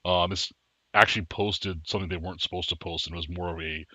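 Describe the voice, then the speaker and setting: A man co-hosting a casual chat show, chatty and quick to laugh. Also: low-pitched, dry recording. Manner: laughs often, chatty and animated. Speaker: podcast co-host. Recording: dull lo-fi sound.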